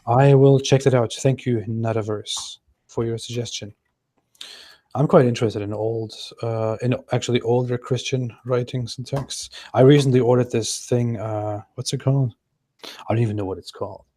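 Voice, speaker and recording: A man's voice: medium pitch, fairly even intonation, moderate pace, mellow. Man host reading out super chats. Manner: friendly, thankful, reads comments aloud.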